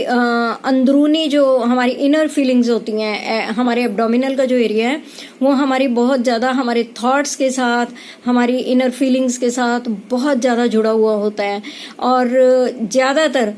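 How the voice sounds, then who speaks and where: A woman giving a calm spiritual explainer talk as a tarot reader, pausing often with hesitations. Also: on the high side.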